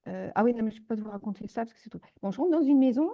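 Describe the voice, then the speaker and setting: A woman guest in a casual interview, telling her own stories in an animated, exclamatory way, full of fillers and restarts. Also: on the high side, rapid-fire, dull audio. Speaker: energy healer guest.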